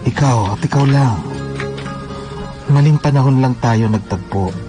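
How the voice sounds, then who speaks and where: A man's voice: mid-range voice, a little slow, lightly acted. A man playing a jealous, controlling married lover in a radio drama, with music behind him. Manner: controlling, turns sweet and pleading.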